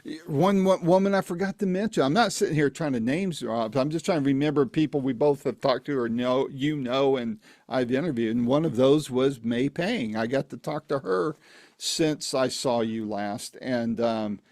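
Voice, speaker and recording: A man's voice: medium pitch, normal speed, a little mellow, dry recording, clean studio sound. A man chatting casually as an interviewer, talking in a loose, rambling way.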